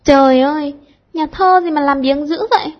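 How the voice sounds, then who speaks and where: A woman voicing a teasing, chatty teenage schoolgirl, cheeky and quick-tongued, with a husky tone. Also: on the high side, dull audio.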